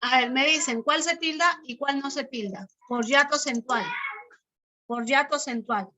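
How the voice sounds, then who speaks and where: A woman's voice: high voice, moderate pace, background noise. A woman teacher giving a class. She explains step by step, repeats key terms, and keeps checking in with short questions. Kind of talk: online class lesson.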